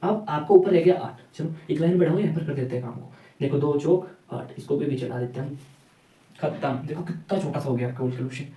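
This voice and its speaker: A man's voice: a little high, a little fast, warm tone, reverberant, recorded from a distance, rough recording. A man teaching a math lesson, who keeps asking the class questions and answering them himself. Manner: rhetorical questions answered himself, repeats "ठीक है".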